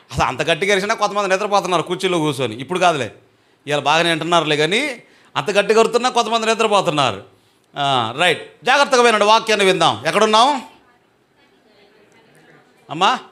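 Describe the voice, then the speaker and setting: A pastor preaches a sermon to a live congregation in a church hall, his high voice forceful and expressive. He is emphatic, urging the congregation to respond loudly, and swings between slow, drawn-out passages and fast speech.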